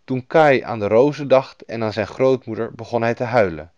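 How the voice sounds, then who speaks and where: A man narrating a fairy tale in a lively storybook manner, doing the characters' voices himself. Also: medium pitch, normal speed, no echo. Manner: lively storybook reading, voicing each character. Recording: dull lo-fi dry recording.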